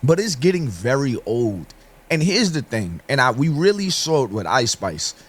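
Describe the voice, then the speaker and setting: A man with a dry, slightly hoarse voice at a middle pitch talks through his opinions in a commentary video. His tone is conversational, and he keeps addressing his viewers directly. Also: big pitch swings, normal speed. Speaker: online commentator.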